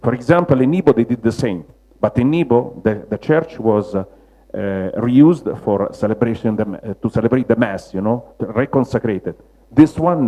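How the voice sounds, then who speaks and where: Male lecturer, Roman Italian accent, mellow relaxed tone, halting second-language English. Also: mid-range voice, low-quality recording. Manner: halting non-native English, searching for words. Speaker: lecturer, mosaic restorer. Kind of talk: public lecture with slides.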